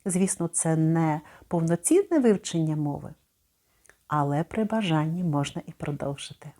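A middle-aged woman teaches pronunciation in a warm, mellow voice that sits a little low. She spells out each word slowly and carefully, then repeats it for the listener to copy. It has the patient, measured rhythm of a recorded lesson. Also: expressive. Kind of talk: spoken lesson.

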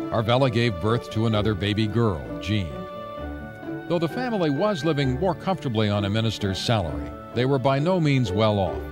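A man giving scripted documentary narration in a measured storytelling delivery. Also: lowish voice.

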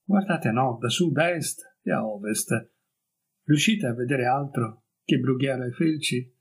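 A man reading the lines of a gentle, mysterious young noblewoman in an audiobook story, in a soft, dreamy and dignified way. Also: mid-range voice, measured pace, husky, rough recording.

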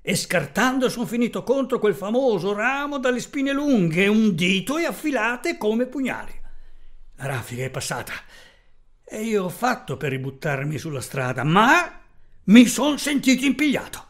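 A man's voice: sits high, moderate pace. A man playing a wry old partisan. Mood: recounting. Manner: lively storytelling with sudden exclamations. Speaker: reader voicing a character. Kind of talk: theatrical reading.

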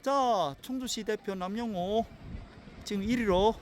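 A man giving casual live commentary on a race at an outdoor track while filming it, often shouting encouragement to the runners. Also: sits high, a little slow. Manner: excited, cheering and shouting encouragement. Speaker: amateur running club member filming a race. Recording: outdoor noise from a stadium track.

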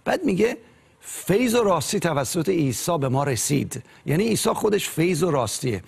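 Earnest young man with a gravelly voice. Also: fairly high pitch, very animated, a little mellow. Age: 20s. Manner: earnest, hesitant with fillers.

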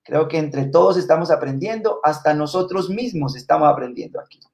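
A man hosting a live-streamed spelling trivia. He reads out viewer comments and names and thanks people warmly, with many fillers and repeated words. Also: on the high side, a little fast, creaky. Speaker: live quiz host.

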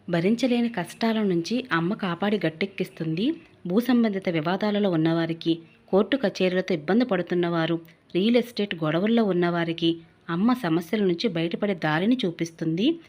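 Mellow-voiced woman teaching pooja. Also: lowish voice. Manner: earnest, instructive, addresses viewers politely. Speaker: devotional channel host. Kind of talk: devotional pooja instruction.

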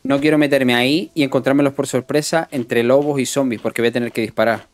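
A man's voice: medium pitch, steady tone, fast. Chatty young man streaming a game. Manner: chatty, greets and thanks viewers. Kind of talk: live gameplay commentary.

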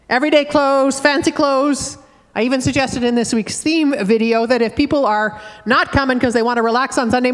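A middle-aged minister with a Canadian accent delivers a measured, earnest sermon with gentle humor from the pulpit of a wood-panelled sanctuary. Her voice is on the high side, picked up by a distant fixed church camera with long reverb.

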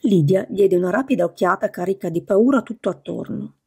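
Casting: female audiobook narrator, even storytelling, husky timbre. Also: medium pitch, fairly quick. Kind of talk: scripted narration.

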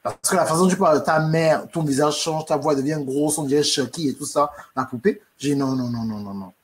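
A man's voice: fairly high pitch, brisk, a little hiss or hum. A man from Africa, working as a life coach, tells a comic story, acting out the scenes and repeating himself for emphasis. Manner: animated, repeats "no no no", acts out scenes.

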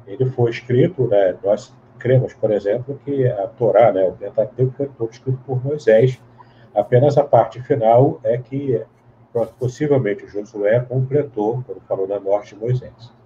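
A man's voice: medium pitch, normal speed, warm tone. A man, explaining at length as an interview guest, in a teacherly way with many tag questions and restarts. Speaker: guest Bible scholar. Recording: dull lo-fi sound with faint hiss.

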